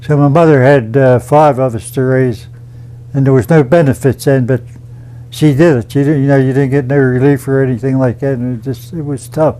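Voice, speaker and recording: A man's voice: medium pitch, fairly even intonation, fairly quick, dark tone, poor audio. A man, recalling his youth in a documentary interview, plain and matter-of-fact. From southwestern Pennsylvania. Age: 80s. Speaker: veteran interviewee.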